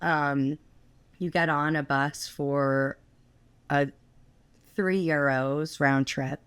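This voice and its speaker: A woman's voice: low-pitched, fairly even intonation, very slow, a bit bright, clear, resonant tone, no room sound. A young woman co-hosting a podcast, telling a travel story in a chatty way full of fillers. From United States. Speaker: podcast co-host.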